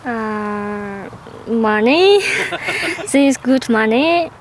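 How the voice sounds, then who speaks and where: Young Kyrgyz-accented woman, fairly high voice, slow shy replies; faint outdoor noise. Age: young adult. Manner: shy, brief answers with laughs.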